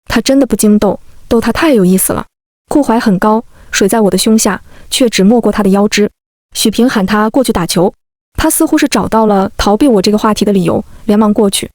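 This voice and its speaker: A woman's voice: medium pitch, brisk, a little mellow, no echo, studio quality. A young woman telling a first-person romance story, voicing all the characters in her own light voice. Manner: plays every character in the same light voice. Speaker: narrator.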